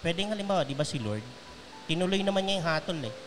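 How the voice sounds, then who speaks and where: A man's voice: fairly high pitch, animated, fast, over music. Man explaining with many examples. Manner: explains by examples and checks in with "okay?". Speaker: pastor. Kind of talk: casual chat.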